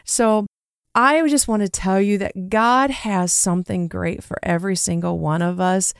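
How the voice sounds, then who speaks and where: Middle-aged woman podcasting about faith, earnest and rambly, stumbles over words, mid-pitched, clear voice, dry home mic. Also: steady tone, measured pace, dry recording. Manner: earnest, rambling, repeats words when stressed. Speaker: podcast host. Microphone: home recording mic.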